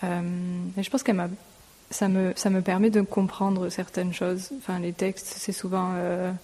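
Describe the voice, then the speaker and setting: A woman musician with a Gers accent from southwest France, answering interview questions in a halting, hesitant way. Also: on the low side, little pitch movement, mellow, big-room sound. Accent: southern French, Gers. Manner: hesitant, halting, many fillers.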